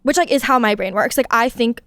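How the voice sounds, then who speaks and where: A woman's voice: on the high side, brisk, sharp tone, dry recording, clean studio sound. A young woman chatting casually as a podcast guest, with lots of "like" and frequent laughs. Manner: chatty, fillers of "like", laughs often. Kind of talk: casual chat.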